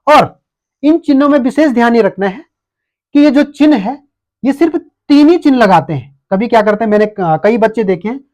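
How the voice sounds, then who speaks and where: A man's voice: very high-pitched, animated, a little fast, darkish tone. A man with an Uttarakhand Hindi accent teaches an exam-prep lesson and keeps answering his own questions.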